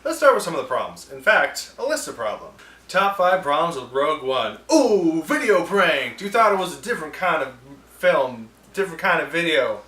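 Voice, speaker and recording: A man's voice: on the high side, very animated, a little fast, pushed and bright, soft background music. A man hosting a film review show, ranting with sarcasm and animation in a casual, opinionated way. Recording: roomy echo, distant mic, faint ambience.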